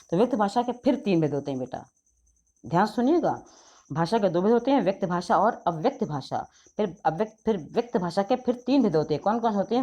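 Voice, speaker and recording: A woman's voice: medium pitch, dark tone. A middle-aged woman teacher explaining grammar to schoolchildren, patient and affectionate. She repeats the key points and often calls her pupils "beta".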